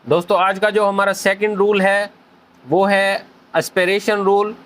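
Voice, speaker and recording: A man teaching a language lesson at a whiteboard, explaining each rule step by step and slowly repeating the syllables. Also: sits high, little pitch movement, fairly bright tone. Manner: often addresses viewers as friends.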